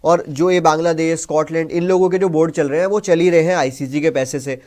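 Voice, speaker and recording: A man's voice: on the high side, steady tone, quick pace, darkish tone. A man with an Indian accent hosting a casual cricket discussion, explaining the news in simple terms and reading English reports aloud. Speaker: cricket show host.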